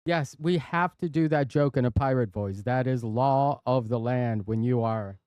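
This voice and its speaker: A man's voice: mid-range voice, normal speed, a little mellow, clean tone, no room sound. A man hosting a live stream from his workshop, chatting casually and playfully reading out viewer jokes. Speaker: livestream host. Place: workshop and studio.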